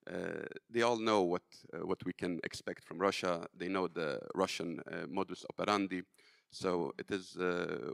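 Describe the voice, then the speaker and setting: A man from Sweden speaking as a panelist, measured with occasional fillers. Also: deep voice, vocal fry, no room sound, clean studio sound. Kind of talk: panel discussion remarks.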